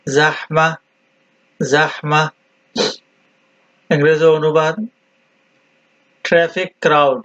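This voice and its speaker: A man teaching vocabulary, deliberately repeating each word several times. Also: fairly high pitch, a bit bright. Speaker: language teacher. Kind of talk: slow vocabulary drill. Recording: dull lo-fi sound.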